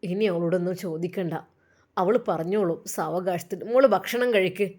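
A woman voicing a gentle, loving middle-aged father in a storybook tale, speaking softly and soothingly. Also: fairly low pitch, moderate pace, pitched below the performer's own voice, lightly acted. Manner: soft, soothing, tender.

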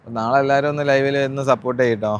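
A man's voice: medium pitch, steady tone, rapid-fire, clear, resonant tone. A man with a northern Kerala Malabar accent chatting casually as a live-stream vlogger, greeting viewers and repeating his phrases and questions. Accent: northern Kerala (Malabar) Malayalam. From Kozhikode district, Kerala, India.

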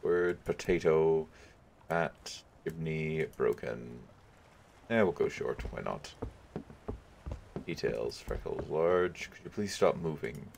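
A man's voice: very deep voice, animated, slow pace, gravelly, pauses often, a little mellow, a little hiss or hum. A man casually commenting on his gameplay, thinking aloud as he picks options and chuckling now and then. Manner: thinking aloud, musing over choices with chuckles. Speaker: gaming video host.

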